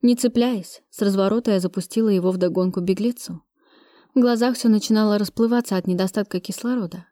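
A woman narrating a first-person thriller audiobook in a steady, brisk manner. Her voice is mellow and darkish, recorded close and dry with no room sound. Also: mid-range voice, no room sound. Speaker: audiobook reader.

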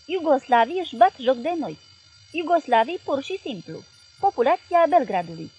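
A woman's voice: high-pitched, big pitch swings, highs cut off, soft background music, pitched above the performer's own voice. Woman voicing a raging male dictator. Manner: shouting, sarcastic outbursts. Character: furious male dictator, volatile and menacing.

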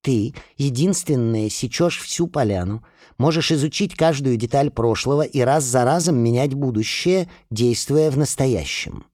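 A man voicing an assertive, level-headed young woman who lays out plans in a brisk, insistent way. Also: mid-range voice, a little mellow, dry recording, studio quality, pitched above the performer's own voice, natural voice.

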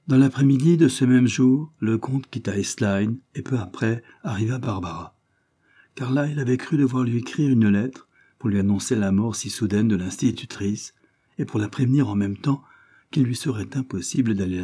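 A man reads a classic novel aloud as an audiobook narrator. His voice sits low with a dark, mellow tone and a husky texture, and he reads evenly and steadily. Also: normal speed. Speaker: audiobook reader. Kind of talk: scripted narration.

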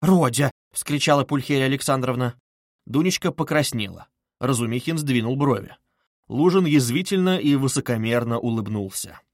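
A man's voice: medium pitch, lively intonation, normal speed, no echo. Dry-voiced male audiobook narrator. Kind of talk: audiobook reading of a classic novel.

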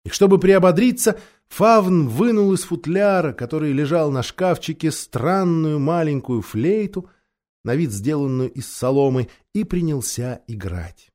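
A man narrating a children's fantasy storybook in a measured, expressive reading style. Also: a little high. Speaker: audiobook narrator. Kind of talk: scripted narration.

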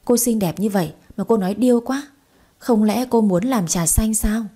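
A woman voicing a bold, cheeky little girl who talks back quickly. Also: mid-range voice, warm tone, slightly rough, natural voice. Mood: feisty.

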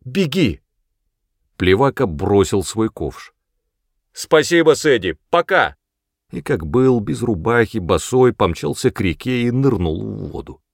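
A man narrating a children's book audiobook in an expressive reading voice, close to the mic. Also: lowish voice, normal speed, vocal fry, hardly any pauses, no room sound.

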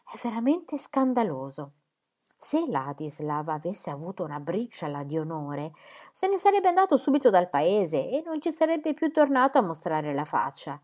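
A proud country gentleman, indignant and emphatic, voiced by a woman reading in a low register. He speaks with stern weight, as in a read-aloud novel. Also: normal speed, few pauses. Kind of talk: audiobook character reading.

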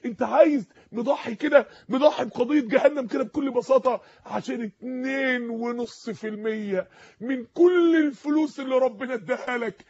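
A man's voice: extremely high pitch, a little mellow, breathy edge, dull audio. A man with an Egyptian accent preaching a sermon in a studio, impassioned and pleading, repeating phrases for emphasis. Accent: Egyptian Arabic.

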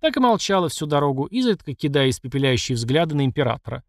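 Brief: male storyteller, lively intonation, dry close sound. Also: on the high side, fast, no echo. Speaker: audiobook narrator. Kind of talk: scripted narration.

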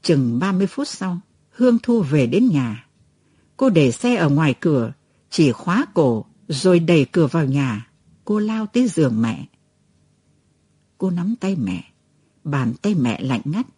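A woman who reads a story aloud in a tender, expressive manner. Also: low-pitched, unhurried, long pauses, husky, no room sound. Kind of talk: storybook narration.

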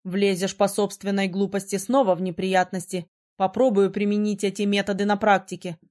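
A haughty young prince of a mage, short-tempered and used to giving orders, as a woman reading the book puts him on. He speaks in clipped, commanding lines at an ordinary middle pitch. It is a storybook character voice. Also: level tone, moderate pace, darkish tone, natural voice. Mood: teasing. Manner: curt, commanding. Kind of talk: audiobook character voice.

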